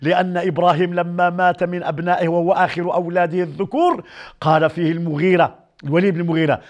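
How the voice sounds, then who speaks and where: A man with a Moroccan accent preaching a lively sermon, telling stories and quizzing his listeners. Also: high-pitched, very fast. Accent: Moroccan Arabic. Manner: animated storyteller who quizzes his listeners. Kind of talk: lively sermon mixing dialect and classical Arabic.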